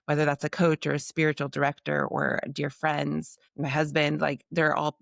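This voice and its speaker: A woman hosting a faith-based podcast, talking in an earnest, reflective way and asking gentle questions. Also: deep voice, vocal fry, no room sound, studio quality. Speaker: podcast host.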